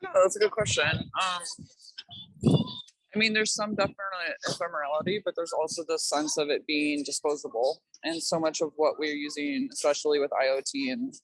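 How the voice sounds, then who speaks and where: A woman's voice: low voice, fairly even intonation, moderate pace, no room sound, low-quality recording. A woman artist talking about her work in a casual, reflective way, her speech loose and peppered with filler words. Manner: thoughtful, loose, peppered with "like" and "kind of".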